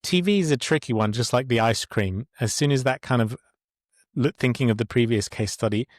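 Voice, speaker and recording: A man hosting a podcast interview in a casual way, often pausing with fillers and restarting his sentences. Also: mid-range voice, no room sound, studio quality. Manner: hesitant, many fillers and restarts. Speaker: podcast host.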